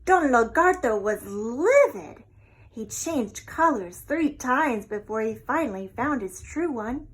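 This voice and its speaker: A woman reading a picture book aloud as an expressive storyteller. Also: fairly high pitch, takes it slowly, slightly rough.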